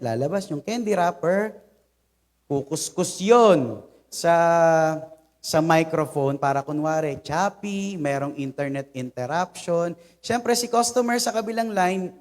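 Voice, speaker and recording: Young Filipino male preacher, a bit high-pitched, chatty and funny storyteller, long hall reverb. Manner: humorous, conversational, lively storytelling. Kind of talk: sermon with personal stories. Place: church hall.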